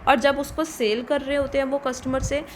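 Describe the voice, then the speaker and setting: A woman's voice: sits high, fairly even intonation, moderate pace, slight background noise. A woman teaching a commerce lesson, explaining step by step and answering her own questions. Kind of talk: classroom lecture.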